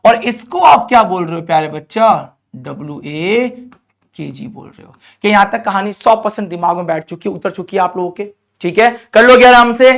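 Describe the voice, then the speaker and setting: High-voiced man teaching a lively lesson. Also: vocal fry. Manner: lively, coaxing, often asks students questions; stretches out key terms slowly. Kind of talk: classroom lecture to students.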